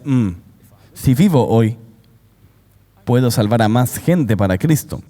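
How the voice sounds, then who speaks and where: A man's voice: medium pitch, warm tone, in a large hall. A man giving an earnest, emphatic testimony as an interview guest, dubbed into the language of the show.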